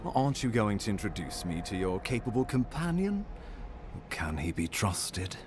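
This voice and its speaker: A man's voice: on the low side, sing-song, normal speed, noisy background. An actor playing a formal, self-important imperial ambassador, a middle-aged man who is wary of strangers, in a game. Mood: pompous. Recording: game audio with loud music.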